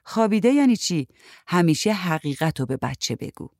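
A woman reading a story aloud, voicing a sarcastic, blunt young woman who talks in sharp, mocking retorts. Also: on the low side, big pitch swings, no room sound, clean studio sound.

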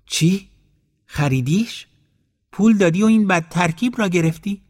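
A man's voice: lowish voice, fairly even intonation, dark tone, slightly rough. A man voicing an agitated older village aunt who scolds her nephew, in a storybook reading. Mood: scolding.

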